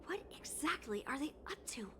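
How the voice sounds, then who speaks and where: A curious little game girl, really high voice, swoops around. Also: sing-song, normal speed, bright, forceful tone, slight background noise, exaggerated voice. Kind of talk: video game voice acting.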